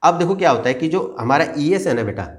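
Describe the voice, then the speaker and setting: A man's voice: fairly high pitch, animated, quick pace. A man teaching a basic grammar lesson to children, patient and repetitive, often checking that they have understood.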